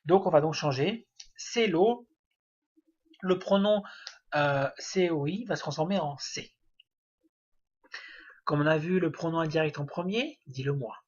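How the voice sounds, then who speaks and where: Guy teaching grammar, kinda high husky voice, lots of uhs, dull lo-fi audio. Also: measured pace, long pauses. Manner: hesitant, many fillers, explains step by step. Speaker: language teacher. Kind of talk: spoken grammar lesson. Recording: dull lo-fi recording.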